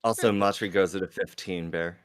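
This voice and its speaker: A man's voice: low voice, fairly even intonation, fairly quick, smooth. A man playing a tabletop role-playing game, talking casually in short bursts. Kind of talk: casual terse game talk.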